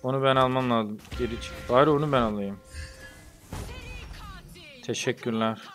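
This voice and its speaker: A man's voice: medium pitch, fairly even intonation, normal speed, fairly bright tone, faint music behind. A young man from Turkey commentating his own mobile game like a football match, joking and grumbling at his teammates. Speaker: gaming streamer. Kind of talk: gameplay commentary.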